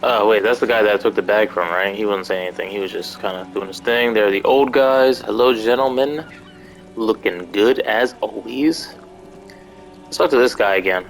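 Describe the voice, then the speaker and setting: A man's voice: fairly low pitch, normal speed, poor audio. Chatty, slangy male gaming host. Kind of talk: casual let's-play commentary. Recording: gameplay commentary with faint music behind.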